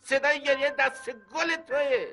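A stern head of the family, very high and piercing, giving commands. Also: male voice, fairly even intonation, sharp tone, a little hiss or hum, heavily acted. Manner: commanding, scolding. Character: stern older brother and father, scolding.

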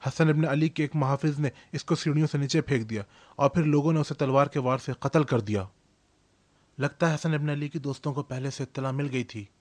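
A man's voice: on the high side, a little mellow, close to an everyday voice. An actor playing a male messenger who reports bad news in a dubbed historical drama.

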